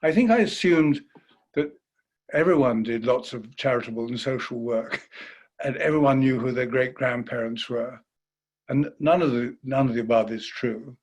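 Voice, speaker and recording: A man's voice: mid-range voice, moderate pace, breathy edge. Hesitant man speaking on a panel. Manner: hesitant, repeating words, gently wry. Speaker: biographer on a panel. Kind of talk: panel talk, conversational.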